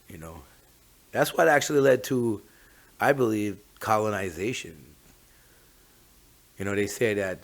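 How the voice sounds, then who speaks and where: A man with a Mi'kmaq First Nations Canadian English accent giving an informal, reflective, rambling talk, often tagging his phrases with "eh". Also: lowish voice. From Mi'kma'ki, eastern Canada. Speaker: host of a talk on traditional teachings.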